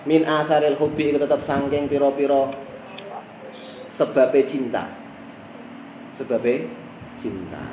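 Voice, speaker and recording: A man with a Javanese accent teaching a religious text study, reciting Arabic phrases and then explaining them in lively local speech. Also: mid-range voice, takes it slowly, long pauses. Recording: echoey room, heard from a distance with background noise.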